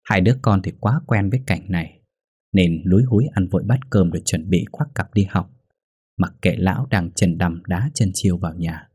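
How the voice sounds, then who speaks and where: A man narrating a dark story in a grave, measured voice. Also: low voice, breathy edge, dry recording, studio quality.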